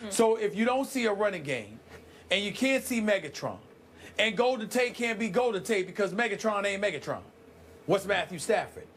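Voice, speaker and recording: A man's voice: high-pitched, very animated, normal speed, a bit bright, slight background noise. A man hosting a heated sports debate, emphatic and dramatic, stretching out key words.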